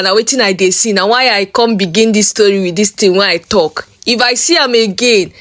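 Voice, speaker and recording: A woman's voice: medium pitch, fairly bright tone, no echo, clean studio sound. A woman with a Nigerian accent giving casual commentary in Pidgin, emphatic and full of rhetorical questions.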